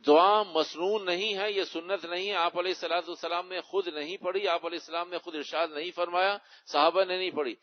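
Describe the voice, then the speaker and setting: A man, an Islamic scholar, lays out religious rulings for an audience in a Q&A lecture, repeating key words to drive them home. His voice sits a little high. The recording is dull and lo-fi. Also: fairly even intonation, few pauses. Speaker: Islamic scholar answering questions.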